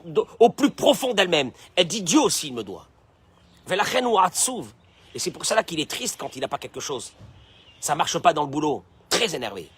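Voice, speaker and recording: A man preaching a sermon in an animated way, acting out voices, asking rhetorical questions and quoting Hebrew passages. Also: high voice, breathy edge. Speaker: rabbi.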